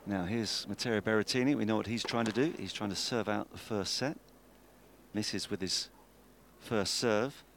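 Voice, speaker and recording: A man commentates on live tennis in a low, gravelly voice. He is chatty and lively, and his pitch rises with the play. Steady noise sits behind him on the broadcast. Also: normal speed.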